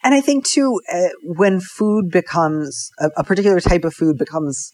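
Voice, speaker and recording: A man's voice: sits high, moderate pace, darkish tone, no room sound. A man, an advice columnist and food writer, chatting casually as a podcast guest. He rambles with lots of fillers and laughs often.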